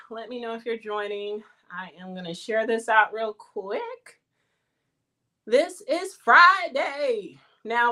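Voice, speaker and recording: Her medium-pitched voice sounds pushed and bright as she hosts a laid-back livestream and talks with viewers. In her 40s, she's chatty, laughs frequently, and leans on Southern-tinged "y'all" slang.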